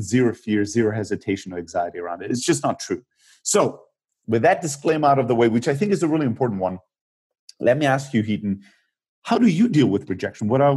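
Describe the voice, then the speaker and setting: An outspoken man in his forties hosts a casual conversation, loud and emphatic as he makes his points. His voice is a little husky, sitting at an ordinary middle pitch. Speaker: podcast host.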